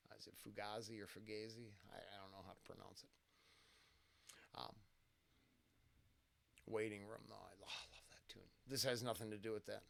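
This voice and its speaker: A man's voice: on the low side, steady tone, normal speed, gravelly, long pauses. Rambling man reacting to a song. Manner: rambling and tangential, with frequent fillers and restarts. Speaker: music reaction host. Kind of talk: casual first-listen music reaction.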